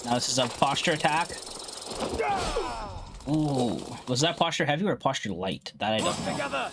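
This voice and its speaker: A man's voice: mid-range voice, sing-song, heavy background noise. A male gaming channel host who reads a combat guide aloud and reacts to it, often stumbling with uhs and correcting himself mid-word. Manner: halting reading with frequent uhs and self-corrections. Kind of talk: reading an article aloud and reacting.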